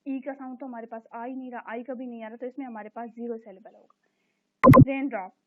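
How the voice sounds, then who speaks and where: A woman's voice: on the high side, steady tone, very noisy. Woman teacher on a tinny line. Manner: explains step by step, repeats words slowly and checks with a recurring "theek hai". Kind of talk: recorded classroom lesson explaining English grammar. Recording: tinny phone-like recording.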